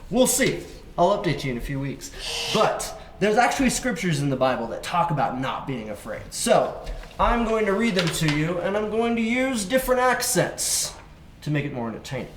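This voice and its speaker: A man hosting a children's faith show, chatting playfully with a young co-host and telling stories in an animated way. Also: sits high, normal speed, echoey room, slight background noise. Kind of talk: casual chat with a young co-host.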